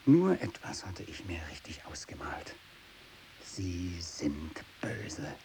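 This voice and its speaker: Slow and low-pitched, a man delivers a full character voice as a tormented, bitter, fanatical renegade missionary. The radio drama monologue is brooding and intense, swinging from hushed speech to anguished outbursts, with steady tape hiss underneath.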